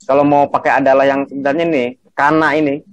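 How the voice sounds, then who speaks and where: A man's voice: mid-range voice, level tone, quick pace, clean tone, no room sound, muffled recording. A man teaching a class on Quranic grammar over a video call, explaining patiently and checking in with his students.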